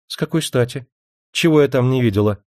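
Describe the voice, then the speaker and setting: A man voicing a young secretary woman who speaks calmly and flippantly, then pleads in tears. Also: mid-range voice, fairly quick, no echo, studio quality, close to an everyday voice. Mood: cool. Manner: calm and flippant at first, later pleading.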